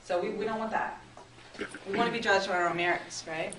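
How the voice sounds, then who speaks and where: A woman's voice: mid-range voice, steady tone, fairly quick. A woman giving an interactive marketing workshop in a meeting room, chatty and upbeat, often checking in with the audience. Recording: echoey room, distant mic, noisy.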